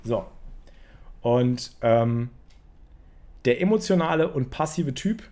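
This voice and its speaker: Chatty man teaching, mellow voice. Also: medium pitch, lively intonation, slow. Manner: chatty, many fillers, addresses viewers directly. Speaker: poker coach. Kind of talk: casual online lesson at a drawing board.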